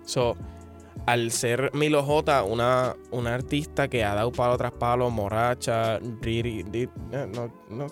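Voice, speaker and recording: A podcast co-host from Puerto Rico, with a Puerto Rican Spanish accent, talks casually about music, often stumbling and restarting sentences. His voice is medium-pitched, fairly even in intonation, and a little slow.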